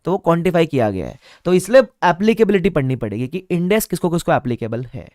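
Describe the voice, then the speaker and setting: A man's voice: on the high side, big pitch swings, fast talker, a little mellow, dry recording, clean studio sound. A man teaching an online class, repeating key points with playful asides. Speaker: online exam-prep teacher. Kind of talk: lively classroom lecture.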